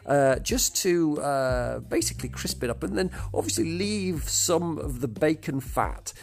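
A man hosting a chatty solo podcast in a florid, theatrical way, his voice croaky from lingering man flu. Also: fairly high pitch, animated, a little slow. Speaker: podcast host.

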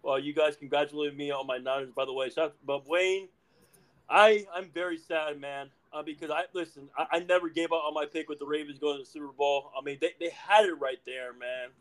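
A man's voice: fairly high pitch, fairly even intonation, a little fast. A young man with a slightly raised voice hosts a casual sports podcast. He talks in a playful, teasing way and fires questions at his co-host.

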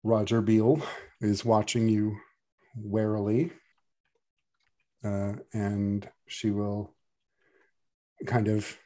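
A man's voice: fairly low pitch, level tone, slow pace, long pauses, dark tone. A man narrating as game master, describing scenes and acting out characters in a casual, easygoing way. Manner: casual, with restarts and fillers.

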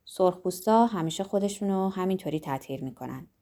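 A woman's voice: fairly low pitch, lively intonation, dark tone. A woman reading an audiobook, voicing a troubled, brooding young man who is grim and weary. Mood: somber. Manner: grim, weary, bursts into anger.

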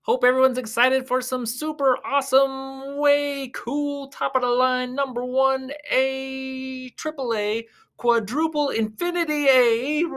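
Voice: high voice, a bit bright, clean tone. A performer voicing a goofy clown who commentates on thumb wrestling, with a rambling, giggly, joking delivery. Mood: hyped. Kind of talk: comic sports commentary.

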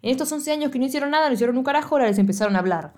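Speaking with an Argentine Spanish accent, a woman co-hosting a podcast casually runs through a film's plot. Her high voice races along, slangy and animated, and she puts on little voices when quoting the characters.

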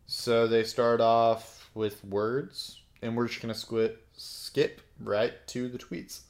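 A man's voice: medium pitch, little pitch movement, slow. A man co-hosting a casual podcast, dry and joking, often breaking into laughter. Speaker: podcast co-host.

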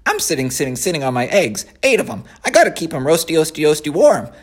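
A man voicing a fussy mother goose who repeats her words in quick chatter. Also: on the high side, big pitch swings, husky, voice pushed up.

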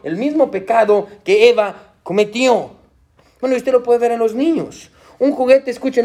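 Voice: mid-range voice, dark tone. A preacher giving a church sermon, often breaking in with amén and escuche and adding playful asides and everyday examples. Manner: peppers speech with amén and escuche.

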